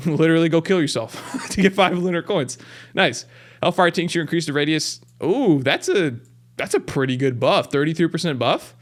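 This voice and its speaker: A man hosting a gaming video, casually reading patch notes aloud with excited, wry running commentary from a close desk mic. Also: mid-range voice.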